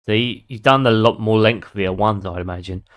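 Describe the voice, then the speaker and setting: A man streaming a game and chatting away in a somewhat low voice. He swears freely and laughs often as he talks with his viewers. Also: moderate pace. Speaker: gaming streamer. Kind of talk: casual gameplay commentary.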